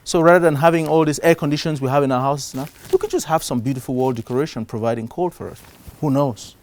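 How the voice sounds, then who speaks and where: A middle-aged man from Cameroon giving a live talk to a conference audience. He gets louder to stress his points, then drops down again. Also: fairly high pitch, quick pace. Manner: animated, shifts loudness for emphasis. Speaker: conference speaker. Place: conference stage before an audience.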